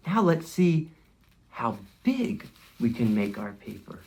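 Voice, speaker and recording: A male educator, very animated yet slow, leads an interactive read-along for young children with simple guiding phrases, questions, and movement prompts. His mid-range voice is gravelly and a little mellow, with a little hiss or hum on the recording.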